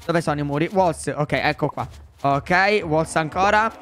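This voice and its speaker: A young man commenting on a video game for his viewers, excitable and full of exclamations. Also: fairly high pitch, unhurried, soft background music. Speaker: gaming YouTuber. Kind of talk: Let's Play commentary.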